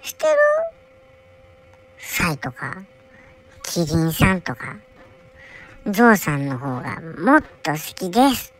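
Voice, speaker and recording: A woman's voice: on the low side, big pitch swings, takes it slowly, pauses often, rough recording. A woman voicing a bored, whiny young male polar bear cub who rambles and grumbles to himself with a Kansai accent. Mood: bored grumbling. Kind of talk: comic character monologue.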